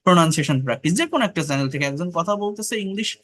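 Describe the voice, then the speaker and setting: English tutor, Bengali-man, slightly high voice, slow repeated reading then brisk coaching. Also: expressive, a bit bright. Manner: slow, repeats phrases while reading dialogue. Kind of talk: online English class.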